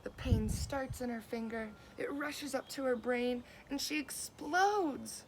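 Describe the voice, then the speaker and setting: A woman teacher reading a children's picture book aloud with expressive, deliberate phrasing, as if to young listeners. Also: high voice, a little hiss or hum, rough recording. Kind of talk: children's storybook read-aloud.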